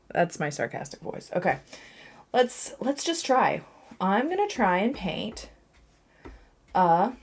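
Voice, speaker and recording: A young woman talks through her painting in a loose, self-mocking way, thinking out loud and trailing off between strokes. Her voice sits a little low for a woman, casual and unscripted. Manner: chatty, self-mocking, thinking aloud with laughs. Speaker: watercolour artist.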